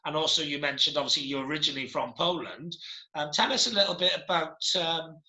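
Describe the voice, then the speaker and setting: A man's voice: fairly high pitch, quick pace, bright, forceful tone, roomy sound, low-quality recording. A middle-aged man from Wales hosting a podcast over a video call, chatty and rambling, often restarting his sentences. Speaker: podcast host. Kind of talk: casual interview chat. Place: home office.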